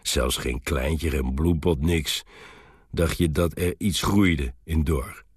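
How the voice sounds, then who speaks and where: A man voicing a gruff, lonely old male soldier who guards a city gate. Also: slow, no echo, studio quality, full character voice. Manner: gruff, booming.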